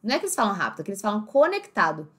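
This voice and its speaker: A woman teaching English pronunciation in a casual lesson, saying example words slowly and repeating them again and again. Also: medium pitch, very animated, fairly bright tone.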